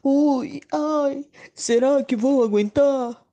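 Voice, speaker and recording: Mulher fazendo um jacaré brasileiro chorão e sofrido, agudo. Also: female voice, high voice, dark tone, voice pushed up. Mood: pained, whining. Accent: Brazilian.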